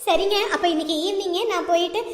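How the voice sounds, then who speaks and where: A shrill, very high-voiced young wife, acted by a woman who talks fast and bosses her husband around. She wheedles and nags in a comic family-skit style. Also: steady tone, reverberant, in a large hall. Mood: bossy. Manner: bossy, wheedling. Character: young wife, demanding and money-minded.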